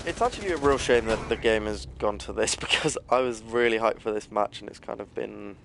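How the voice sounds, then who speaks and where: A man's voice: fairly low pitch, a little fast, vocal fry, a bit bright, slight background noise. A man giving casual, analytical live commentary on a competitive shooter match. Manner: casual, analytical, filler-heavy. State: has the hiccups. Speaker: esports caster.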